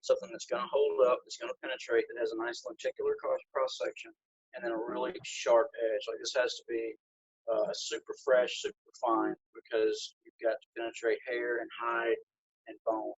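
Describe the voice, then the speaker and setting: This flintknapping teacher has a husky, mid-range voice with a sing-song lilt, and he talks a little fast. He demonstrates with his hands while explaining each step during a live video call, picked up on a phone as lo-fi audio.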